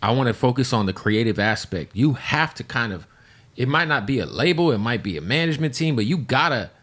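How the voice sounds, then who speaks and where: A man's voice: mid-range voice, animated, brisk, fairly bright tone. A man in his thirties hosting a podcast, chatting casually and swearing freely. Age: 30s. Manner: laid-back, laughs often, swears casually. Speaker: podcast host. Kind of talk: casual interview chat.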